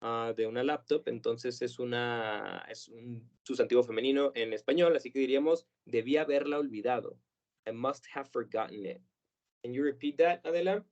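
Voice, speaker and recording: A man's voice: medium pitch, darkish tone. Patient male English teacher, lo-fi. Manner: patient, models words slowly and repeats them. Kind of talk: pronunciation lesson.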